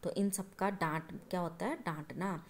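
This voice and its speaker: A schoolteacher with a lowish, fairly even voice explains a poem to young children at a normal pace. She patiently repeats each point, addressing her listeners as children and often pausing in asides to check that they are following.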